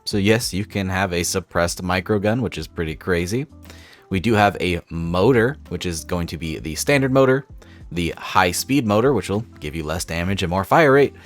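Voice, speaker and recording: With a fairly low pitch and a slightly stuffy, cold-affected voice, a young man hosts a gaming channel. In an upbeat, casual voice-over, he walks viewers through a game mod step by step.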